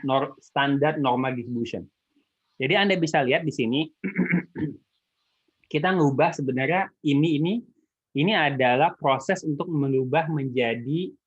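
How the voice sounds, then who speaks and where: The speaker, a man from Jakarta whose R is slightly imprecise, teaches statistics online in a colloquial way, frequently adding tags to make sure everyone's following. His mid-range voice is measured with a breathy edge, heard through echoey, muffled call-like audio.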